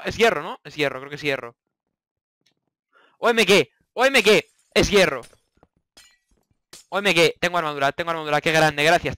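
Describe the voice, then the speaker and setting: A young man with a Spain Spanish accent giving live gameplay commentary, excitable and swearing a lot, with sudden yelled bursts. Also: on the high side, no room sound. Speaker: gaming YouTuber.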